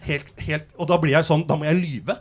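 A male stand-up comedian on a theater stage, telling a story in a brash, animated way with plenty of swearing. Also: a little high. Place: theater stage before a live audience.

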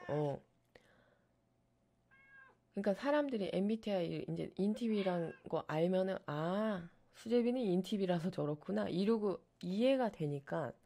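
Her voice on the low side, this ASMR streamer talks casually on her live stream, sharing stories animatedly and laughing frequently.

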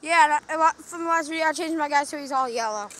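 Young female vlog host, high and bright, excitable, joking around outdoors. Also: fast. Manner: excitable, jokey. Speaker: channel host playing a mobile game. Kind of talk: casual chat while walking.

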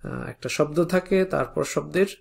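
A programming instructor teaching a coding lesson step by step, spelling out code slowly and often checking in with the viewer. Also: medium pitch, vocal fry. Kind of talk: coding tutorial lecture.

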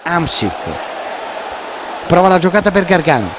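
A man giving breathless goal commentary as an excited, partisan football commentator who repeats his phrases. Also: sits high, normal speed. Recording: loud stadium crowd noise behind. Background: roaring stadium crowd.

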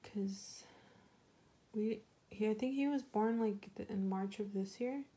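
A young woman talks casually to her vlog audience in a mellow, rounded voice. She rambles through stories and leans on "like" as she goes. Now and then she slips into cooing baby talk with her rabbit. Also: medium pitch, measured pace. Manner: rambling storytelling full of "like" fillers. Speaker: vlogger. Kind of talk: casual chat.

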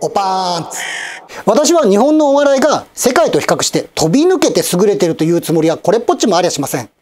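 A middle-aged man hosts his own channel in a formal, measured newsreader manner. His pitch moves in lively swings, and he slips in dry, wry asides. His tone stays polite and composed throughout. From Japan, Osaka and Kochi. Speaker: channel host and commentator. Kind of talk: scripted news-style commentary.

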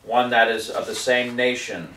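Filmed by a far-off camera in a living room with wood paneling, a man in his forties, a street preacher, reads scripture and preaches fervently. He speaks at normal speed, medium pitch and a steady, sharp tone, and the audio sounds roomy.

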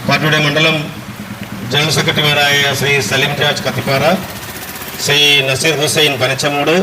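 Even-toned man giving a formal political speech. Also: a little high, moderate pace. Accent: Kerala. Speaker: local party leader. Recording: echoey outdoor setting with traffic noise.

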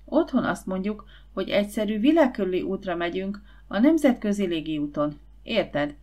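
A woman's voice: medium pitch, natural voice. A woman narrator voicing a confident, eager schoolboy who leads his friends in a storybook. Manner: lively, confident, persuasive.

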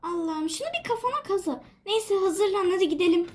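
A woman's voice: very high voice, lively intonation, brisk, a little mellow, slight background noise. A woman voicing a mother pet in a toy figure video, reassuring but scolding.

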